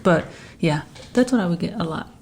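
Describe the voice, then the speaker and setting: Easygoing woman co-host, lowish voice. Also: fairly quick, creaky, slight background noise. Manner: relaxed, chimes in with short agreements. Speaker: podcast co-host. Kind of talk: casual chat.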